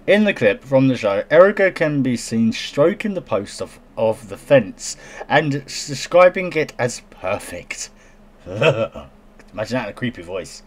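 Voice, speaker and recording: A man commenting casually on a news story, joking sarcastically and often stumbling over words as he reads aloud. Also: mid-range voice. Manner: giggly, sarcastic, stumbles while reading aloud.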